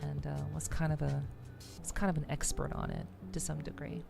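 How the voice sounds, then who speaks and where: Her deep, gravelly voice comes across flat and a little fast while music plays behind her. She's a woman VTuber in a casual livestream chat, thinking aloud and repeating herself a lot.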